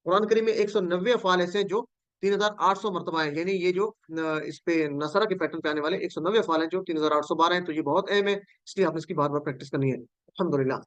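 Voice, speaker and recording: A man's voice: on the high side, fast, fairly bright tone, dry recording, dull audio. A man from Pakistan teaching Quranic Arabic in an online class, patiently drilling word forms and calling on students.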